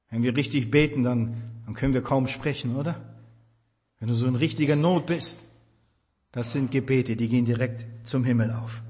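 A man preaching a sermon with passion, moving between loud emphasis and hushed tenderness. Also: mid-range voice. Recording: reverberant hall.

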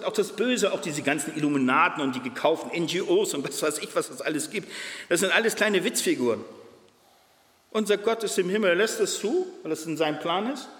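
A man preaching a fervent, emphatic sermon, leaping between loud high peaks and low hushed tones. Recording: reverberant hall.

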